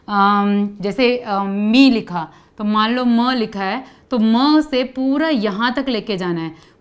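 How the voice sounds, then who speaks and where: A woman teaching a lesson to young children, explaining patiently step by step, drawing out sounds and asking the kids to repeat after her. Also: fairly high pitch. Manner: stretches syllables and asks kids to repeat.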